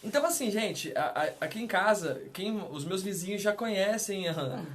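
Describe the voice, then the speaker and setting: A man's voice: high voice, moderate pace, over a noisy crowd. A man in his thirties, a pastor, telling stories in a casual, direct chat. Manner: storytelling, animated and direct.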